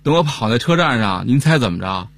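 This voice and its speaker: A man tells his story in a scripted radio comedy dialogue. His voice sits at a middle pitch but swings widely as he talks. The sound is dry and close. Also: a little fast, no room sound. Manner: lively storytelling. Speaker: son in a family comedy sketch.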